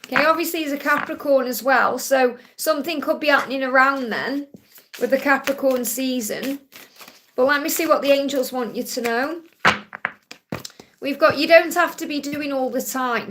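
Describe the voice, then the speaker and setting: A woman with a distinctly high voice and a Stoke accent hosts a live psychic card reading. She speaks straight to her viewers in a reassuring manner, often checking in with a quick "okay?" as she goes. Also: a bit bright, slight background noise. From Stoke-on-Trent, England. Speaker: psychic card reader hosting a live stream.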